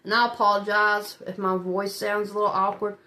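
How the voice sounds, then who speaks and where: A low-quality recording captures a woman speaking fairly quickly in a sharp, medium-pitched voice with little pitch movement. She's a budgeting host, congested with a cold, casually chatting to viewers with small laughs as she fills savings challenges.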